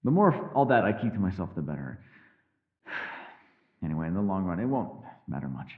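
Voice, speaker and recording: This is a low, sing-song male voice with phone-quality sound, portraying a secretive and powerful elf of mystery in a fantasy ASMR roleplay. He talks in measured, formal, antiquated phrases, teasing at some moments and world-weary at others, with a weary, brooding mood.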